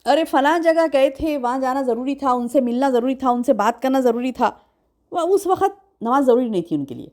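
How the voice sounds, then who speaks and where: Animated woman teaching scripture. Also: high-pitched. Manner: recites Arabic verse then explains it, asks the class questions; animated, acts out quotes. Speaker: Quran teacher. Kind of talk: religious lecture.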